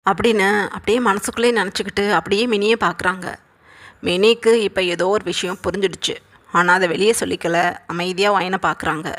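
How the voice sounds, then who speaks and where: A woman's voice: mid-range voice, fairly even intonation, a little fast, fairly bright tone. A woman narrating a fanfiction story in a chatty, colloquial voice-over.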